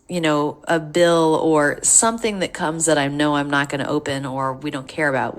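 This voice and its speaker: A woman teaching an English pronunciation lesson, repeating words slowly and carefully. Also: sits low, a bit bright.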